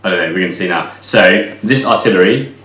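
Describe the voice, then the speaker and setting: A man's voice: deep voice, fairly quick, a bit bright. A man casually talking through his moves in a board game, chatty and often laughing. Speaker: board game reviewer playing a match. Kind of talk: casual tabletop play commentary. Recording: roomy room with faint noise.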